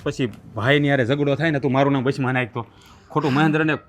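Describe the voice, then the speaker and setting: An actor with a Kathiawadi Gujarati accent playing a meek village husband who keeps trying to calm his wife. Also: medium pitch, fast, soft background music, natural voice. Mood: pleading. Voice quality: soothing, pleading, tries to calm her. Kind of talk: Gujarati family drama acting.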